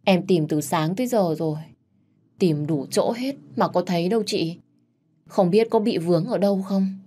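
A woman's voice: on the low side, moderate pace, dark tone, husky. A woman voicing a frightened young maid who stammers and pleads in a timid voice. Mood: fretful.

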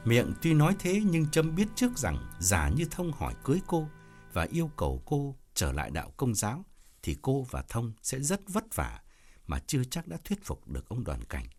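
A man narrating an audiobook story in an expressive storytelling manner. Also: medium pitch, moderate pace, faint music behind.

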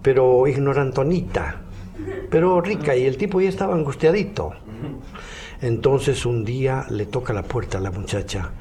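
A man's voice: mid-range voice, animated, moderate pace, warm tone. A man hosting a radio show, telling jokes, laughing often and acting out the voices of the people in them. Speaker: radio host. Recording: noisy radio broadcast.

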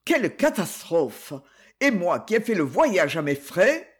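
A man's voice: sits high, big pitch swings, unhurried, husky, full character voice. A man doing a fretful, fussy creditor. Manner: fretful, muttering to himself. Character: fussy, penny-pinching male creditor.

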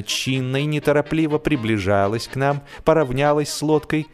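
In a studio, a man with a medium-pitched voice narrates humorous literary prose like an audio play. His delivery is expressive and theatrical, with deliberate, drawn-out phrasing.

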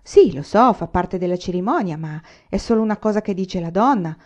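A woman's voice: on the low side, expressive, brisk, darkish tone. A woman reading the part of an earnest young frontier man who pleads urgently and anxiously.

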